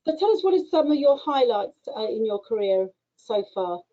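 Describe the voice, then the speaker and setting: A woman's voice: a little high, big pitch swings, moderate pace, dark tone. A woman hosting an online interview, giving encouraging replies and asking follow-up questions. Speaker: interviewer, event host. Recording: dull lo-fi audio.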